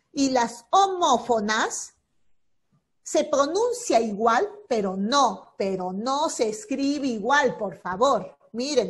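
A woman teacher giving an online lesson on a video call, patiently repeating key points and checking in constantly with her students. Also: fairly high pitch. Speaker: secondary school teacher. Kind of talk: online class explanation.

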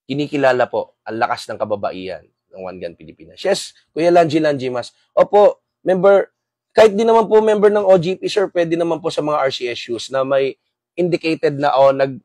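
A man's voice: mid-range voice, darkish tone, dry recording. A man hosts a live-stream talk for gun owners, earnestly preaching to his viewers and often checking in with tag questions. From Samar, Philippines.

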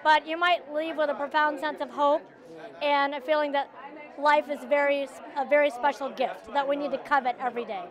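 A woman film director being interviewed outdoors on a red carpet, speaking earnestly and carefully with soft fillers. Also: sits high, fairly even intonation, fairly quick, a faint crowd.

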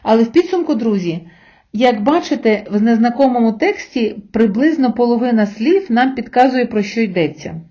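A woman teacher giving a recorded language lesson, explaining slowly and patiently and pausing so learners can repeat after her. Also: a little high, animated, dark tone, highs cut off. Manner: slow, patient explaining with pauses for repetition. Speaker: Spanish teacher.

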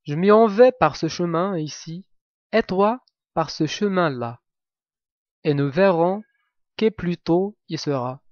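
A man voicing a sly, hungry male wolf in a read-aloud fairy tale, drawing out his lines slowly and low. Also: expressive, no echo, muffled recording. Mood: scheming.

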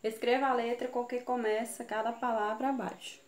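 A woman with a Brazilian Portuguese accent giving a children's video lesson, spelling out syllables slowly. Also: fairly high pitch, little pitch movement, darkish tone. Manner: slow, syllable-by-syllable teaching. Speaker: teacher. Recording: echoey room, voice from far off, faint hiss.

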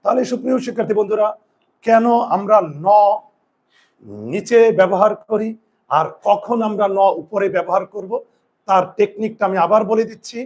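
A man's voice: high voice, steady tone, moderate pace. A man teaching a spelling lesson to students, repeating each rule and asking questions he then answers himself. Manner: repeats rules, asks and answers own questions. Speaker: Bengali grammar teacher.

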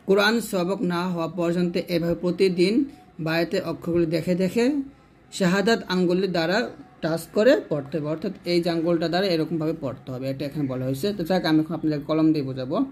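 A man teaching Quran reading step by step, explaining quickly and then drilling each syllable slowly and clearly. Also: on the high side, a little mellow. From Bangladesh. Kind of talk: step-by-step lesson.

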